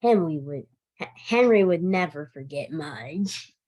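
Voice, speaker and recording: Reading a picture book aloud to young kids, the library director keeps things unhurried and lively. Her voice climbs and dips freely, her phrasing is expressive and emphatic, and she now and then fumbles a word.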